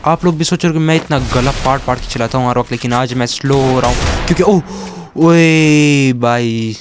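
Man, hushed game commentary, soft slow talk, game gunfire and clicks underneath. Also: medium pitch, noisy background. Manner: speaks softly and slowly so as not to wake others. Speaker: gaming channel host. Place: storeroom at night, sitting on junk.

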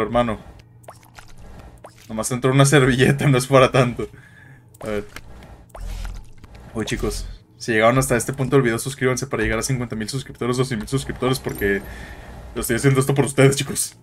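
A man's voice: mid-range voice, slight background noise. Jittery gamer guy. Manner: jittery and excitable, mixing in English slang. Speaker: gaming YouTuber. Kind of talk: let's play commentary.

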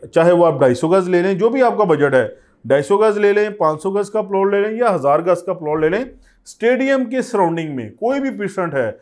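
Persuasive Pakistani Urdu property agent. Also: male voice, fairly high pitch, darkish tone. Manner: persuasive, urging viewers to buy. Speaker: real estate agent. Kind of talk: property sales pitch to camera. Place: office studio set, indoors. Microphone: lapel mic.

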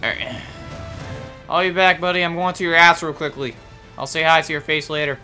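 A young man casually commenting on his gameplay, excitable, swearing and joking and talking to his horse in the game. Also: on the high side, fairly quick. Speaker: gameplay streamer. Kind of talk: casual let's play commentary. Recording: game music loud behind the voice. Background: video game music and sounds.

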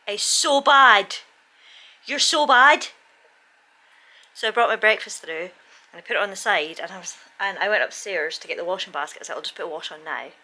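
A woman's voice: mid-range voice, bright, forceful tone. Chatty British woman vlogging at home. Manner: chatty and rambling, scolding her dog playfully. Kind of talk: casual chat to camera. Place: home kitchen and living room. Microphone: handheld camera at arm's length.

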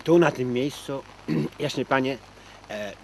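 An actor playing a fawning, old-fashioned male servant who lingers on his pauses and swells into theatrical declamation. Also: medium pitch, creaky, heavy background noise. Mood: obsequious. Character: fawning old-world male servant, lamenting a lost estate. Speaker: servant guiding a count through the estate. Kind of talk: film acting.

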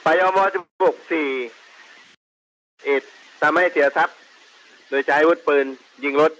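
A man's voice: fairly high pitch, fairly even intonation, a little slow, fairly bright tone, low-quality recording. Man reporting over police radio. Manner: formal incident report. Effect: police two-way radio transmission. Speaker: police station radio operator.

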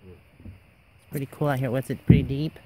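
A man's voice: normal speed, heavy background noise. A man filming a casual travel vlog outdoors on a hike, chatting easily and teasing his companions. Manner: easygoing, teasing, talks to his dog in a higher voice. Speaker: vlogger. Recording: music playing underneath. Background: music.

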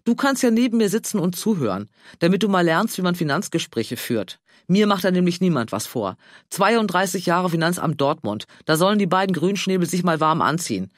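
A man voicing a stubborn, pompous retired tax official in his sixties, deep and slow. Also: expressive, dry recording, clean studio sound. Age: 60s.

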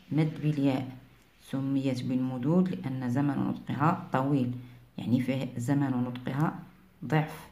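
A woman teaching beginners to read, speaking slowly and clearly and repeating each sound twice. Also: a bass voice, dark tone. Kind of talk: reading and writing lesson for beginners. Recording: echoey room.

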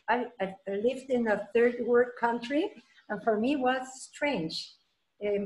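A middle-aged woman from Peru presenting on a video call, halting and full of restarts. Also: a little high. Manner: halting, many restarts and fillers. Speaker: presenter, trauma clinician. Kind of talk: online roundtable talk. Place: room at home. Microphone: laptop webcam, video call. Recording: echoey room on a video call.

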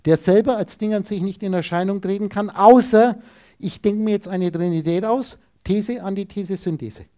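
A man holds forth in a lecture, firing rhetorical questions straight at his listeners. His voice sits high for a man yet sounds mellow and soft-edged. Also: normal speed. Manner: emphatic, rhetorical, addresses listeners directly. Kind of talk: esoteric lecture to an audience.

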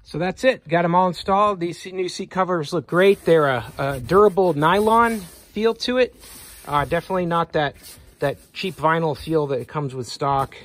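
Filmed on a handheld phone as he works outside next to a vehicle, a channel host plainly and calmly explains a how-to step by step. His pitch is fairly high and his speed normal, and a faint hiss or hum sits in the recording.

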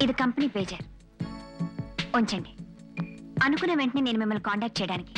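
An actress playing a formal, demanding businesswoman who gives crisp, commanding instructions. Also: fairly high pitch, expressive, fast talker, highs cut off, over music, natural voice. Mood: firm. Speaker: company boss. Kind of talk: dubbed film dialogue.

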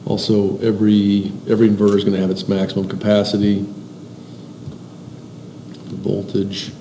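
A male instructor lectures in a classroom, pointing things out on slides and circling back over his words as he explains. His voice is low, gravelly and dark in tone, with a flat delivery. The sound is roomy, with faint hiss behind it. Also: normal speed.

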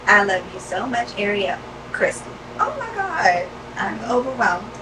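A young woman in a small wooden cabin, gushing excitedly while reading little notes aloud. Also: mid-range voice, measured pace. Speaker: girlfriend receiving a promise ring. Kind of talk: casual vlog chat. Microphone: camera mic from across the room. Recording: distant, noisy cabin recording.

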